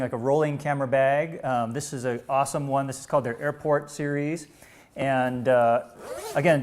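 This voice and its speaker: A man presenting camera bags on a live show, relaxed and friendly as he gives tips. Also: mid-range voice. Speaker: product presenter. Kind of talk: casual product demo.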